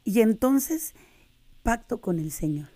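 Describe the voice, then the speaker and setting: A woman's voice: fairly high pitch, lively intonation, slow pace, mellow. A middle-aged woman telling her faith testimony on a radio interview, earnest and addressing listeners as sisters. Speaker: guest giving a testimony.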